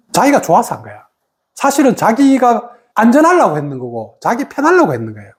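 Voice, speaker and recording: Lively woman teaching meditation. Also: fairly high pitch. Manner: animated, acts out quoted speech of others. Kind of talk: meditation lesson talk.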